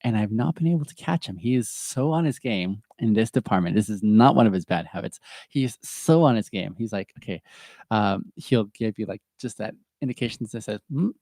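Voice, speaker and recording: A middle-aged man talks through a casual, reflective podcast monologue from his home. His voice has a gravelly, mellow tone. He is chatty and earnest and often laughs at himself, and the sound is dry and close. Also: fairly low pitch, animated, a little fast, dry recording. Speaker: podcast host.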